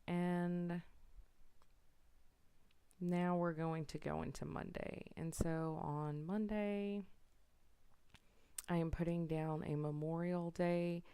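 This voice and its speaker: A woman's voice: fairly low pitch, fairly even intonation, takes it slowly, long pauses, dark tone, clean tone. A young woman narrating her planner decorating in a casual, apologetic voiceover. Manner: apologetic, self-deprecating, chatty. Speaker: planner vlogger. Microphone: voiceover mic.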